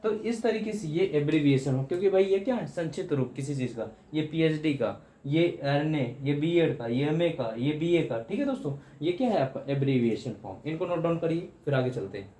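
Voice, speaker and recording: A man's voice: a little high, expressive, a little fast, hardly any pauses, dark tone, roomy sound. A man teaching English grammar in Hindi for exam prep, repeating key terms and often addressing students as friends.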